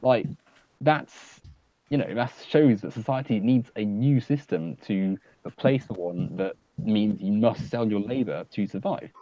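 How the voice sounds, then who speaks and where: Man, low voice, earnest rambling political chat, dry dull lo-fi call audio. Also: unhurried, mellow, no room sound. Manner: rambling, earnest, many fillers. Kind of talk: casual political discussion. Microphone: home computer mic on a video call.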